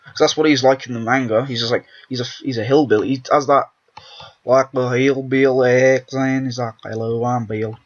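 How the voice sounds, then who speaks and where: A man's voice: mid-range voice, little pitch movement, brisk. A man hosting a let's play, chatting casually and rambling while he plays. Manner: rambling, self-interrupting chatter. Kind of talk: casual gameplay commentary. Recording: dull lo-fi recording.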